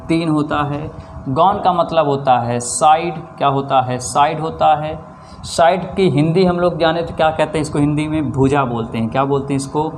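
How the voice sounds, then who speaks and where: A maths teacher with a north Indian Hindi accent speaks in a slightly high voice during a classroom lesson, over a faint hiss. He keeps asking the class rhetorical questions, answers each himself, and repeatedly adds a checking "theek hai."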